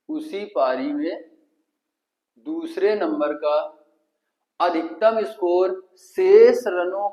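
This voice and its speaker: In a poorly recorded clip, a high-voiced man with a darkish tone leads an exam-prep math class. He speaks with a Kanpuri Hindi accent, posing questions to students and then answering them himself one step at a time.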